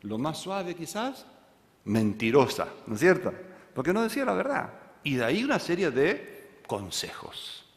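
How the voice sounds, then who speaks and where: A pastor, preaching a sermon and telling a story that he acts out, moving from loud passages to hushed ones. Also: fairly high pitch, sing-song, measured pace, long reverb tail.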